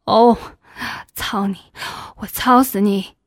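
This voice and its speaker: A woman's voice: mid-range voice, steady tone, slow, no echo, studio quality, close to an everyday voice. A woman voicing a coaxing, lustful male official. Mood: lewd coaxing. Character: lustful male official, middle-aged, domineering.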